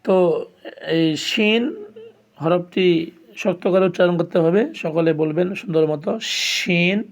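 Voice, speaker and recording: Slow, patient male Quran teacher. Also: high-pitched, fairly even intonation. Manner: patient, repeats each letter aloud for learners. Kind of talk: slow step-by-step pronunciation lesson.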